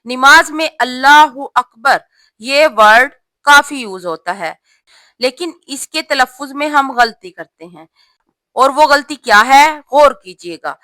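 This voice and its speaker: A woman teaching correct prayer pronunciation to her sisters, explaining each mistake and drawing out the right words slowly. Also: high voice, expressive, pushed and bright, no room sound. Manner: slow, drawn-out demonstration of correct pronunciation. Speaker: religious teacher. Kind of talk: instructional talk on prayer pronunciation.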